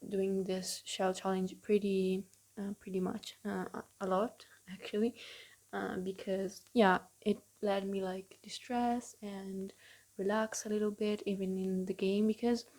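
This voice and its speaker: Hushed, mellow-voiced young woman. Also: mid-range voice, flat delivery, unhurried. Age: young adult. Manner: talking quietly under her breath; hesitant, with many fillers. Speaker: gaming channel host. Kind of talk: casual voice-over for a building video. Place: bedroom at home.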